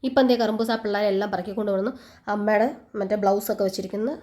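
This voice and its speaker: A woman, telling a lively story in a casual home vlog. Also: mid-range voice, very fast. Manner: lively storytelling, talks to her pets. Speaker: vlogger.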